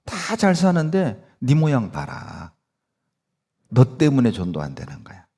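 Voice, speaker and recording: A man's voice: mid-range voice, big pitch swings, a little slow, creaky, mellow, breathy edge, exaggerated voice. A male preacher voicing the devil as a mocking, needling accuser who whispers doubts. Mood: taunting.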